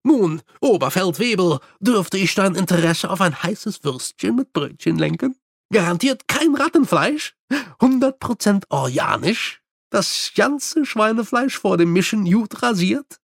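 A man voicing an eager, shifty young male street vendor with fast sales patter in an audiobook. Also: high voice, big pitch swings, creaky, no echo, clean studio sound, pitched above the performer's own voice, full character voice. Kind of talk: audiobook character voice.

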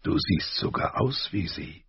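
A man voicing a grave, gentle noble father in an audiobook, slow, soft-spoken and weighty, with a husky voice. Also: deep voice, animated, no echo, dull audio, exaggerated voice. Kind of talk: audiobook character voice.

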